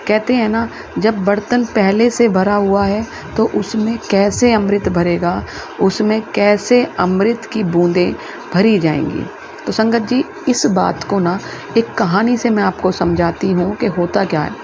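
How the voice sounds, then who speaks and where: A woman giving a devotional discourse as a satsang speaker, gently and patiently explaining in simple, repeated phrases and telling moral stories. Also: medium pitch, steady tone, measured pace. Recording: muffled lo-fi with clear background noise.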